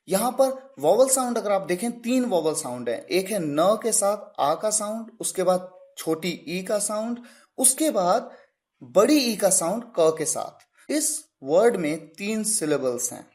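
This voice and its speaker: Lively-voiced male English tutor. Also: high-pitched, a little slow. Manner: poses questions and answers them himself; spells words letter by letter. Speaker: English teacher. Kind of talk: grammar lesson.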